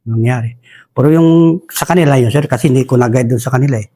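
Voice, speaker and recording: A man's voice: medium pitch, quick pace, warm tone. A man from Basilan, a retired soldier, telling a war story in a rambling way and addressing the host as "Sir" over and over. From Basilan, Philippines. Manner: respectful, says "Sir" constantly, rambling with restarts.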